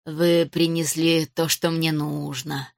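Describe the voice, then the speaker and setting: A woman voicing a gloating undead old woman villain in an audiobook, with slow, hissing speech. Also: sits low, flat delivery, vocal fry, dry recording, studio quality, pitched below the performer's own voice, full character voice. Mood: calm menace. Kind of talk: audiobook character voice.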